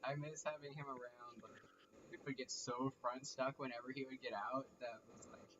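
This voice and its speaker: A relaxed man chats easily and laughs often. He sounds far from his microphone, with dull lo-fi sound. A clear hiss runs under his voice. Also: mid-range voice, moderate pace. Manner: easygoing, chatty, laughs often. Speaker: guest. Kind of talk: casual chat. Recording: distant lo-fi mic with noise.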